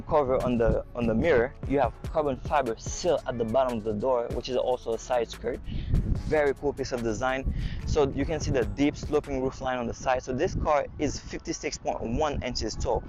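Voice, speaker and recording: A man giving an excited, casual car walkaround review outdoors at a dealership, a little out of breath in the heat. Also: medium pitch, dull audio. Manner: excited, enthusiastic hype talk.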